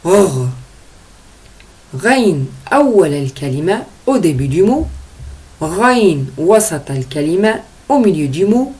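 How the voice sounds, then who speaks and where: Slow, low-voiced woman teaching letters. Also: big pitch swings, a little mellow. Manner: drills each sound slowly, mixing French explanations. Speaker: Arabic teacher. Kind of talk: slow letter-by-letter pronunciation lesson.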